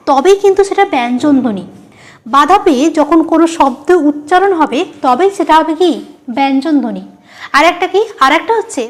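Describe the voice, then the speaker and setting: A woman teacher explaining a grammar lesson at a board, asking her students questions and answering them herself, repeating each key term. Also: sits high.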